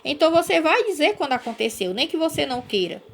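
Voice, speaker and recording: A woman's voice: high-pitched, very animated, fast talker. A woman teacher giving a recorded lesson to young pupils, explaining step by step and checking in with "right?" as she goes. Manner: patient, explains step by step, asks "certo?" and "né?" to check.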